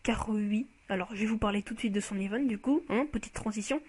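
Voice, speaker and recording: A woman's voice: mid-range voice, a little fast, a little mellow, husky. A woman giving casual spoken commentary on a mobile game card as a YouTuber. She talks in a chatty, enthusiastic way and hesitates often, with many fillers and restarts.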